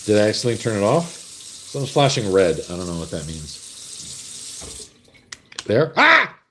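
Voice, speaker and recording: A man's voice: lowish voice, big pitch swings, normal speed, darkish tone, slight background noise. A man from Canada hosting a casual livestream, chatting in a rambling way while fumbling with his camera gear. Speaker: host.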